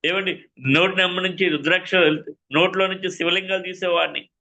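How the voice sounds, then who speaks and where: A man's voice: high voice, fairly even intonation, fairly quick, sharp tone, muffled recording. A man preaching his own testimony in a fervent, repetitive style, often calling out to his listeners. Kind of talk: testimony sermon.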